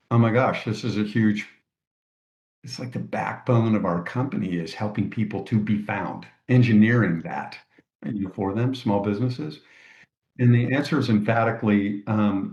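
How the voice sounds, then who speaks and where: A man's voice: lowish voice, darkish tone. Man, earnest agency leader, thinks aloud, dull roomy recording. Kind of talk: casual podcast chat. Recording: roomy, slightly dull sound.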